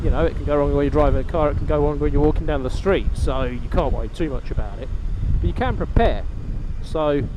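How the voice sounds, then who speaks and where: A man's voice: fairly high pitch, fast talker, few pauses. A British man chatting casually and reflectively inside a helmet while riding a motorbike, as a vlogger thinking aloud. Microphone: microphone inside helmet. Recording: muffled helmet audio, loud wind and engine noise.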